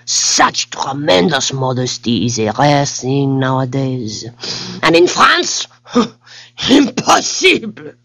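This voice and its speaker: A woman voicing an effusive, excitable French king who gushes with French exclamations. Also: deep voice, measured pace, dry recording. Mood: gushing.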